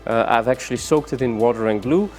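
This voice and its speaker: A man giving a rushed product demonstration, moving between samples with many fillers and saying he is out of breath. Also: mid-range voice, a little mellow, soft background music. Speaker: product presenter.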